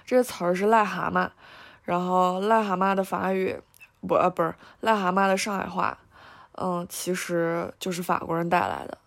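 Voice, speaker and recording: A woman hosting a language podcast, explaining words in a chatty manner and slowly over-enunciating French words. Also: on the low side, creaky. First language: Mandarin. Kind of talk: casual educational talk.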